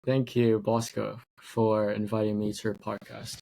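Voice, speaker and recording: Young man with gravelly low voice. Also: completely flat delivery, measured pace, warm tone, poor audio. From Hong Kong. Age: young adult. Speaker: podcast guest. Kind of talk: casual interview.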